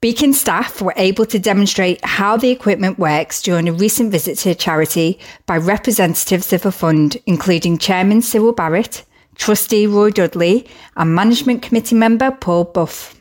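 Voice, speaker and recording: A woman's voice: mid-range voice, moderate pace. Woman presenter, upbeat and chatty, scripted community update. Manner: chatty and upbeat, with casual asides.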